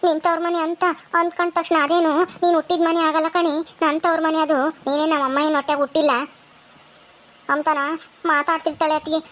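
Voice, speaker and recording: A woman's voice: sits high, flat delivery, a little fast, a bit bright. A woman voicing a tearful, emotional young village mother. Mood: hurt. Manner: tearful, pleading, heartfelt.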